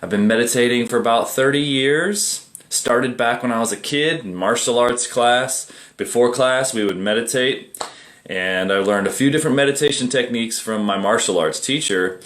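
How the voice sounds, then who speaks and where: A middle-aged man teaching meditation in a relaxed, conversational way, often asking rhetorical questions. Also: mid-range voice, normal speed. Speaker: meditation teacher and group admin. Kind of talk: casual livestream meditation talk.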